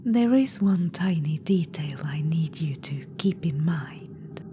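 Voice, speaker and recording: Playing an imperious undead witch-queen spirit for an ASMR audio roleplay, a woman speaks in a coaxing whisper that teases, condescends and commands. Her voice sits low with lively intonation, and she takes her time. Clear background noise runs through the recording.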